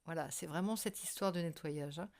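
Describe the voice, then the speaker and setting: A woman's voice: low-pitched, fairly quick, gravelly, a little mellow. A woman hosting a casual tarot card reading for viewers, speaking hesitantly as she searches for her words. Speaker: tarot reader and channel host.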